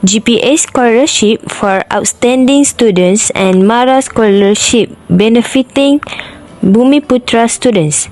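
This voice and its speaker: A woman's voice: fairly high pitch, measured pace, darkish tone, poor audio. A young woman reading documentary narration, listing scholarships plainly. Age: young adult. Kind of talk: read narration.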